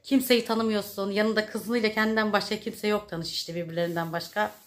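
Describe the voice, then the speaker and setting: A woman's voice: medium pitch, fairly even intonation, a little fast. A woman in her thirties chatting to her viewers, retelling a day's events in a casual storytelling vlog. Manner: chatty, addresses viewers directly. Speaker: vlogger.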